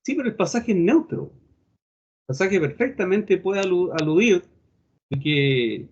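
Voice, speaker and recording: A man's voice: high-pitched, lively intonation, a little slow, husky, highs cut off. Man teaching a preaching class. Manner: explanatory, acts out quoted preachers' tones. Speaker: homiletics teacher.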